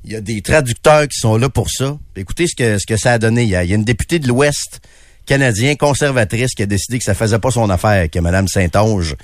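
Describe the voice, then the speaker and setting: This Québécois-accented man co-hosts a radio talk show, talking fast in a lowish voice. Emphatic and indignant, he keeps restarting his sentences; the studio-quality recording is dry.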